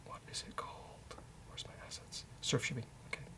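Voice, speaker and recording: Speaking in a brisk whisper, this developer and show host runs a casual coding session, hesitantly muttering his thoughts aloud as he goes. Faint background noise can be heard.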